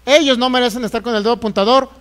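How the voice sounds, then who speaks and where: A man's voice: very high-pitched, fairly even intonation, rapid-fire, fairly bright tone, clear, resonant tone. A middle-aged man with a Jalisco Mexican accent, preaching a sermon as pastor, jokey and folksy, firing rhetorical questions.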